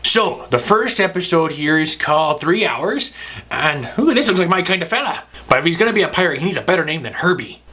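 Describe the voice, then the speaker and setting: A man playing a blustering pirate who talks in gruff pirate slang and bosses people around. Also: on the high side, expressive, fairly quick, pushed and bright, voice pushed up. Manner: growling pirate talk, bossy and pushy. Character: blustering pirate named Cowhead, adult man. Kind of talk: comedic sketch within a review show.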